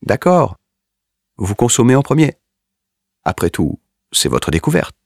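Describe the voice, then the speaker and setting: A man's voice: mid-range voice, sing-song, a little slow, breathy edge, no room sound, clean studio sound, pitched above the performer's own voice. A man doing a jeering, brutal army lieutenant. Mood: leering. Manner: mocking, pushy.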